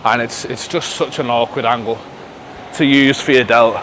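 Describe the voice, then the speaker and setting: A man's voice: mid-range voice, steady tone, normal speed, a bit bright, slight background noise, poor audio. A man muttering casually and thinking aloud as he films a gym vlog. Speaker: fitness vlogger. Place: indoor gym.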